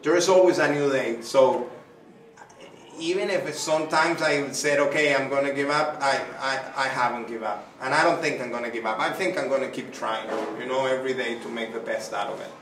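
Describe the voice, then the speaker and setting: Brisk and fairly bright, this medium-pitched man is a middle-aged Venezuelan artist being interviewed by a child. He answers as a guest in a chatty, effusive way, using plenty of fillers. The casual interview takes place in a small indoor room, captured noisily with a distant mic and lots of echo.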